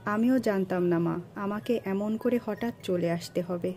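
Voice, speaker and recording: A grieving young wife, heavy-voiced and close to tears, begging softly, as a woman narrator plays her. The tone is mellow and a touch high, with light music under the reading. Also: measured pace, close to an everyday voice. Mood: hurt. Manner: tearful, pleading, heavy-voiced. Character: young wife driven from home, grieving, desperate. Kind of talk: audiobook character voice.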